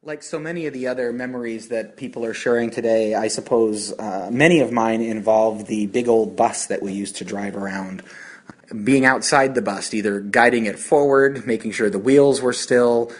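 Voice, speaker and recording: A man's voice: medium pitch, normal speed. A man musing on bus trip memories in a tribute, with fillers. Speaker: tribute speaker. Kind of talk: anecdotal tribute.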